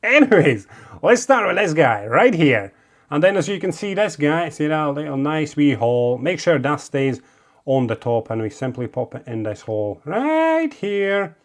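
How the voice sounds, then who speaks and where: A chatty man with a Latvian accent, living in Scotland, hosts a casual hands-on model-building tutorial. His pitch is lively and his pace moderate, and he keeps things encouraging with coaxing phrases.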